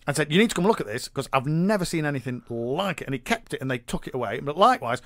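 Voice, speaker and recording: An animated man co-hosting a casual comedy chat, his pitch rising and falling with lively swings. He tells stories with repeated words and quick giggles. The voice is slightly high and sits close on a dry studio mic. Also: no room sound. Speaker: podcast co-host. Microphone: studio microphone.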